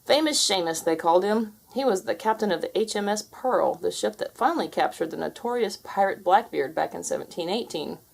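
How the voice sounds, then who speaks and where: A woman's voice: mid-range voice, expressive, fairly quick, vocal fry, few pauses. A woman voicing an earnest, boastful man as a storybook character telling family tales.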